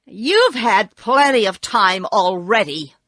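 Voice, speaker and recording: A woman's voice: on the low side, expressive, takes it slowly, pushed and bright, no echo, studio quality, heavily acted. A woman voicing an angry, impatient man of tin in a storybook, emphatic and indignant. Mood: angry, demanding.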